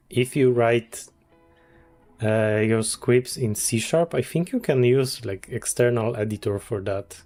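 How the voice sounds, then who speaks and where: A man's voice: mid-range voice, gravelly, mellow. A man, chatting casually on a livestream as a game developer, thinking aloud with many restarts and small chuckles. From Poland.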